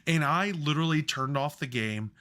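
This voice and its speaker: A man with a bright, forceful voice co-hosts a casual sports podcast. He tells worked-up, profanity-laced stories and talks loosely about football. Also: fairly high pitch, normal speed. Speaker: podcast co-host.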